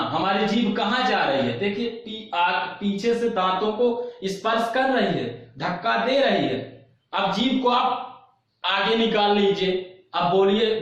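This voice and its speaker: A man teaching an online class, asking questions and answering them himself, repeating key terms and slowly demonstrating sounds. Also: high-pitched, a bit bright. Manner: slow, drawn-out demonstration of sounds. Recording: very echoey, dull lo-fi room recording.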